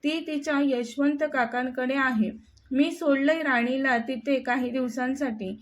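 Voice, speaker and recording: A woman's voice: high voice, fairly even intonation, unhurried. A woman voicing a stern middle-aged mother who reproves her son.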